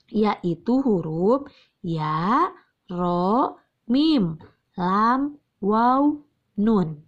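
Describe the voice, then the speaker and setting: A young woman teaching Quran reading rules, asking questions and answering them herself, and stretching out each example word. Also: mid-range voice. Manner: drawn-out recited examples, repeats key terms, asks and answers herself. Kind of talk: slow patient tajwid lesson. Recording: slightly dull lo-fi recording.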